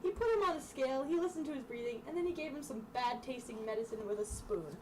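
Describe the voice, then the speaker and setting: A young storytime reader moves quickly through a children's book in a high-pitched, animated voice. She reads informally, slipping in asides and stumbling over the words. The recording comes from a distant mic with clearly noisy room sound.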